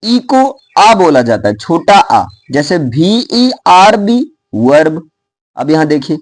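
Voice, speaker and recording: A man's voice: high-pitched, no room sound. A man with an Indian accent teaching English pronunciation, spelling words out letter by letter and checking in with his class. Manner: spells words out slowly letter by letter, then says them. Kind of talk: lively classroom explanation.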